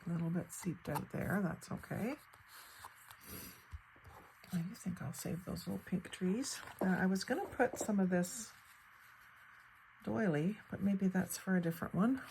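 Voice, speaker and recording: Fighting off a cold, this woman's darkish, low voice comes out gravelly, crackly and a bit hoarse. She hosts a craft channel and talks her way through a paper project in casual tutorial fashion, thinking aloud at an easy, chatty pace as she cuts and glues, with faint room ambience humming underneath.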